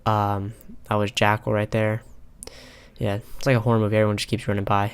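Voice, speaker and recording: A young man calmly talking over a replay of his own ranked match, pausing often with filler ums. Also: on the low side, clear, resonant tone. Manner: halting, many filler ums, calm and analytical. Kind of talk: casual gameplay commentary. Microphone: console headset mic.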